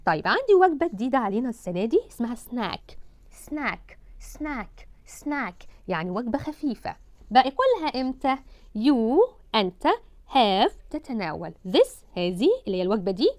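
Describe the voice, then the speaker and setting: A woman teacher with an Egyptian Arabic accent gives an English lesson for children, saying English words slowly and stretched out and then translating them. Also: fairly high pitch, no room sound.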